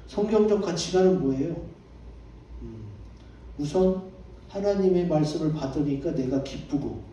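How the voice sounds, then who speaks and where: Man, pastor, sermon, high voice, dark mellow tone, echoey church hall, distant mic. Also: highs cut off, a little hiss or hum. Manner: asks the congregation questions and answers them himself. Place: church sanctuary.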